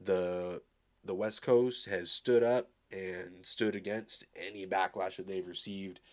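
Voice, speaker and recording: A man with a somewhat low voice talks in a loose, rambling way, full of fillers and quick restarts. He sounds upbeat and casual, like a host reacting live to a track. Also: steady tone. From Arizona.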